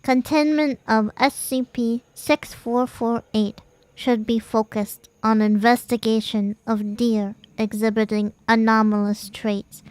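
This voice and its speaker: A woman reading spooky fiction aloud in a measured, deadpan manner. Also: a little high, no echo, rough recording. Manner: playful and animated when chatting. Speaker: streamer reading horror stories aloud.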